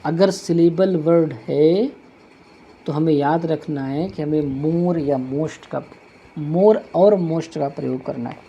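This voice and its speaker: A man's voice: on the high side, slow pace, warm tone, lo-fi sound, a little hiss or hum. A male teacher giving a classroom grammar lesson, patiently repeating each point as he writes it out on a board.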